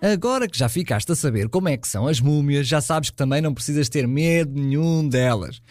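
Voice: mid-range voice, lively intonation, fairly quick, a little mellow, no room sound, clean studio sound, faint music behind. A children's programme co-host with a European Portuguese accent, chatting expressively and reassuringly to young listeners. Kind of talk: scripted chatty co-hosting for children.

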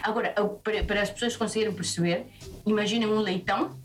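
A woman's voice: medium pitch, fast talker, recorded from a distance. Chatty Peruvian woman, slightly off-mic. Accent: Peruvian Spanish. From Peru. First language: Spanish. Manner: lively, talkative, restarts often. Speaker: chef, interview guest. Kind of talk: casual interview chat.

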